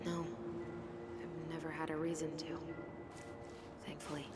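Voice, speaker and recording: A wry, guarded young sister. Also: female voice, sits low, monotone, a little slow, heavy background noise. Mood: subdued.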